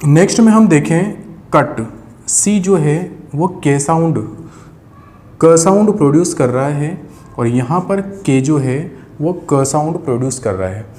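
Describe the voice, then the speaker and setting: A man's voice: fairly high pitch, a little slow, a little mellow. A man teaching English phonetics, patiently repeating key sounds and addressing viewers as friends. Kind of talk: explaining a lesson at a board.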